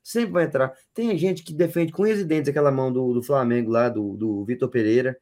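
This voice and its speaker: A man's voice: mid-range voice, fairly quick, darkish tone, no echo, clean studio sound. A man, hosting a football podcast and teasing his co-host sarcastically. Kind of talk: sports debate, teasing.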